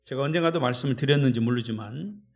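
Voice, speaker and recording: A male pastor preaching a sermon in a church. He swings between loud, emphatic declarations and hushed storytelling. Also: mid-range voice, fast talker.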